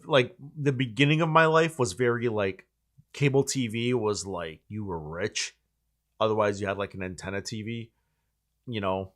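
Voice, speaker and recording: A man's voice: on the low side, a bit bright. Rambling man in his forties. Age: 40s. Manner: rambling, full of likes and restarts. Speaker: channel host. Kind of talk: casual chat.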